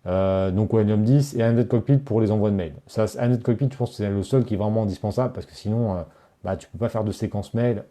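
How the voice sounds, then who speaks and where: Guy doing a casual live q&a for his followers, super mellow dark voice, lots of euh and bah. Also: lowish voice, fast. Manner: loose and chatty, many fillers and restarts; talks straight to viewers, reads out chat questions. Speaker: online course creator hosting a live Q&A. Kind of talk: casual live-stream chat.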